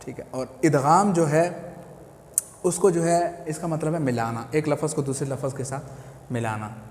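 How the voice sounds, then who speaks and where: A man's voice: a little high, normal speed, a little mellow, a little hiss or hum. A man with an Urdu accent teaching a Quran recitation lesson, patiently explaining step by step and repeating key terms. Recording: echoey room.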